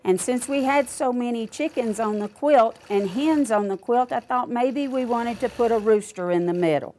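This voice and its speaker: A woman's voice: fairly high pitch, normal speed, darkish tone, slight background noise. An older woman demonstrating quilting step by step, patiently explaining each click aloud in a studio. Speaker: quilting instructor.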